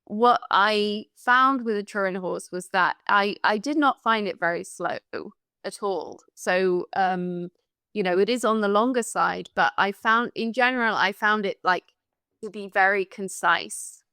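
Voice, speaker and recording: A woman from London on a film podcast, talking through her thoughts in a casual discussion, pausing often and hunting for words. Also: mid-range voice, bright, forceful tone, clear, resonant tone, no echo, studio quality. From London, England. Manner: thoughtful and hesitant, searching for words. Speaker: podcast panelist.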